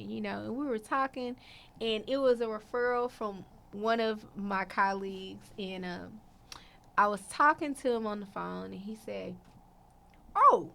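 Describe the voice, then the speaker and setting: A woman attorney co-hosting a podcast, telling stories in an animated way and laughing as she talks. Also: medium pitch, gravelly. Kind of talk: casual chat.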